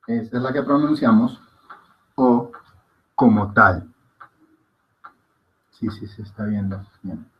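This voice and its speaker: A man's voice: lowish voice, unhurried, pauses often, lo-fi sound. A man teaching a language class in a patient way. He repeats sounds aloud and often checks that his students are following. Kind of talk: classroom lesson.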